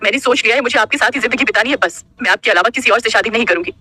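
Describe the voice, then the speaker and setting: A man's voice: very high-pitched, rapid-fire, sharp tone, pitched above the performer's own voice, heavily acted. A man voicing a desperate young woman in love, pleading in a choked, tearful voice in an audio story. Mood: defiant. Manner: pleading, tearful, then defiant.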